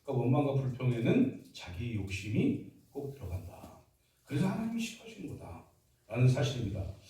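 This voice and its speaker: A man's voice: medium pitch, huge pitch swings, fairly quick, dark tone. A man preaching a sermon as pastor in a church, emphatic and firing rhetorical questions at the congregation. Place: church sanctuary. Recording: echoey hall from far off.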